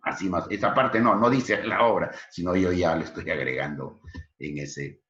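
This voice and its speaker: Male literature teacher with a deep voice who explains and talks to his students. Muffled, lo-fi recording. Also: normal speed, a bit bright. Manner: explanatory, addresses students directly. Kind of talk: online literature lesson. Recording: echoey, dull lo-fi recording.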